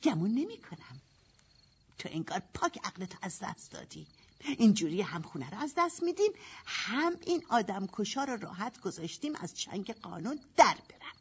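A woman's voice: mid-range voice, big pitch swings, slightly rough, full character voice. A woman dubbing a skeptical sister who scolds sarcastically. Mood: scolding. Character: sharp-tongued, skeptical sister. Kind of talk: dubbed film acting. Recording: dull lo-fi dub track.

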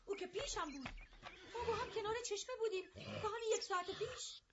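An actress playing a frightened young woman pleading for help with her poisoned horse, in a drama. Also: very high voice. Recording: dull lo-fi audio with loud noise.

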